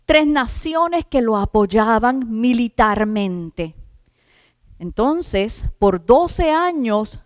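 A woman's voice: a little high, no room sound, clean studio sound, long reverb tail. A woman preacher giving an emphatic sermon, stretching out key words and addressing the congregation as brothers.

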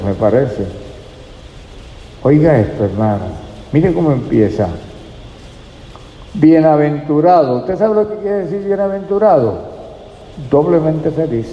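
Gravelly-voiced preacher in an echoey hall. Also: male voice, mid-range voice, mellow, dull audio, slight background noise. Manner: earnest, addresses listeners as brother. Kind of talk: sermon. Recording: echoey hall with faint ambience.

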